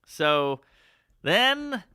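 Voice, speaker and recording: A man co-hosting a comedy podcast, telling stories in casual chat and slipping into quick voices for the people he quotes. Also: sits high, smooth, dry recording, studio quality. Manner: animated storyteller, does quick voices in quotes.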